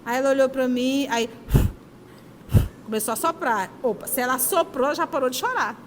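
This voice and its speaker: A woman leads a spiritist study group, teaching emphatically with lively personal anecdotes. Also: high voice, normal speed, long reverb tail, slight background noise. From Manaus, Brazil. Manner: animated, emphatic, storytelling.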